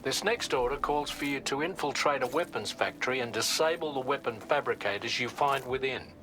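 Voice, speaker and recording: A male actor, mid-range in voice and lightly acted, plays a calm operations officer in a video game. He gives steady, instructive mission briefings.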